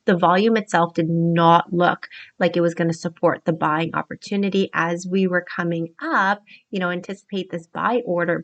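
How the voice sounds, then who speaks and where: A woman's voice: lowish voice, vocal fry, a bit bright. A woman walking viewers through cryptocurrency chart indicators step by step, calling them "you guys" in a casual analysis video. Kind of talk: screen-share market analysis.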